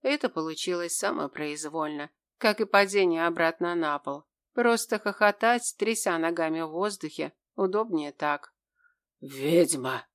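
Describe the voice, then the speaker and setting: A woman giving scripted first-person narration of an audiobook in an even, steady reading. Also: fairly low pitch, moderate pace, hardly any pauses, smooth.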